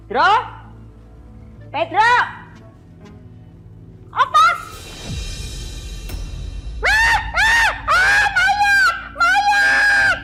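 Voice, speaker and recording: A woman's voice: very high voice, sharp tone, heavily acted. An actress playing a fussy, coaxing young woman who shrieks and fake-sobs in a comic soap scene. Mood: panicked. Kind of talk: comedic soap-opera acting.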